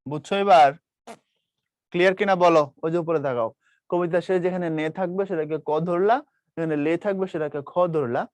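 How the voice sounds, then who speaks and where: A young male online tutor with a slightly high, darkish voice teaches a class at a moderate pace, recorded dry. He explains patiently, repeats key points, quizzes his students, and slips in English words.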